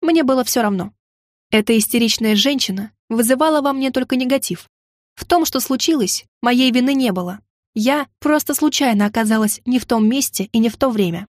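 A woman narrating a first-person fantasy audiobook in a steady storytelling delivery. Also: a little high, fairly quick, dry recording, clean studio sound.

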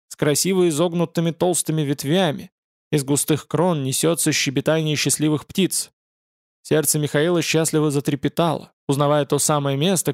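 A man's voice: fairly high pitch, creaky, dry recording. Man reading an audiobook, dry studio sound. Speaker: audiobook narrator. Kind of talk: scripted narration.

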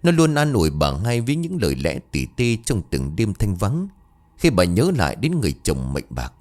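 A man's voice: on the low side, huge pitch swings, normal speed, a little mellow. A man narrating a ghost story in a dramatic, emotional storytelling manner. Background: faint background music.

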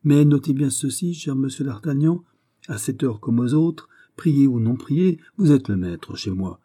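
Picture a flustered, fawning prison governor from an old novel, stammering apologies loudly and higher than his usual register, as a male reader puts him on. The voice still carries a husky, dark grain under the fluster. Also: expressive, measured pace.

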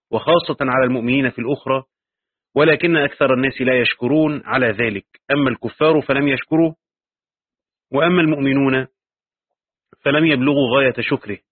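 Male teacher, husky voice, reading and explaining commentary with pauses and self-corrections; tinny phone-like recording. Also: medium pitch, no room sound.

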